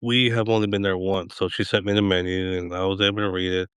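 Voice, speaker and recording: Middle-aged guy hosting a podcast, lowish smooth voice, dry close sound, easygoing and rambly. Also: flat delivery, quick pace, a bit bright, no echo. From Eastern Washington. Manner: laid-back, chuckles often, rambling. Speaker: podcast host. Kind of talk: casual chat.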